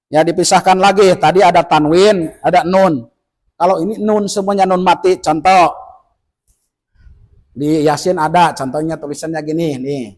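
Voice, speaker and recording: A man teaching tajwid to a group of village men, explaining rules patiently and chanting examples slowly. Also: sits high, low-quality recording. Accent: Indonesian. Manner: patient and instructive, chants verses slowly to demonstrate. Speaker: Quran recitation teacher. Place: village study gathering indoors.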